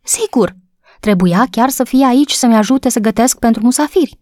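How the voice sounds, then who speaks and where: A woman's voice: darkish tone, no echo, close to an everyday voice. A woman reading a storybook voices an agitated housewife close to tears, talking breathlessly. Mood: tearful. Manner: breathless, high-strung, tearful.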